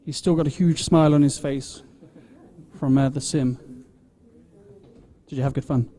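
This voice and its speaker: A man's voice: medium pitch, fairly even intonation, normal speed, warm tone. A man hosting a live event, announcing results and counting down to an audience. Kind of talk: lively live-show emceeing. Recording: cheering crowd around the voice.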